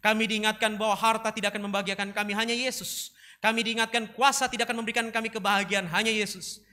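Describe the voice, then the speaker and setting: A man, a pastor, preaching a sermon and telling a story with lively energy, acting out characters' lines loudly. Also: high-pitched, fast talker.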